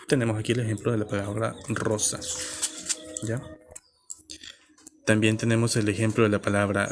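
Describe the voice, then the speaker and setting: A man's voice: on the low side, background noise. A man teaching a lesson, explaining patiently step by step and checking in with his listeners.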